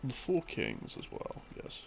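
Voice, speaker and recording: At a measured pace, a man voicing a boyfriend character in an audio piece talks through game lore casually and intimately, rambling with wry, hesitant asides. There's slight background noise and soft game theme music.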